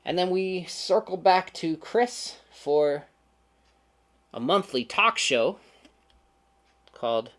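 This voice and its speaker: A man's voice: high-pitched, expressive, slow, long pauses, fairly bright tone. Chatty joking man hosting a livestream. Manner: chatty, joking, sarcastic asides. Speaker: channel host. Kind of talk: casual livestream chat.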